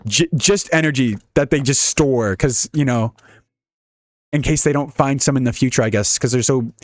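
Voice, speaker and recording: A young man giving casual, jokey, rambling commentary while playing a video game. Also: on the high side. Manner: rambling, jokey, laughs often. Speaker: gaming YouTuber.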